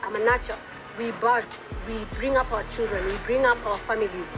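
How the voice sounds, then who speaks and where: A Kenyan entrepreneur with a Kenyan accent answers interview questions earnestly and reflectively, pausing with fillers. Her voice is a little high, and the rough recording has music in the background.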